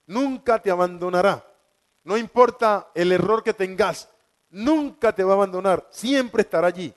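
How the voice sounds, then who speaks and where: A man's voice: sits high, moderate pace. A man giving a fervent evangelical testimony, repeating key words for emphasis. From Colombia.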